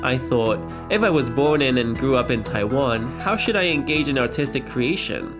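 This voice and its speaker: A man's middle-pitched voice-over translates an interview at a normal speed, his manner calm and explanatory. The whole clip has loud music underneath.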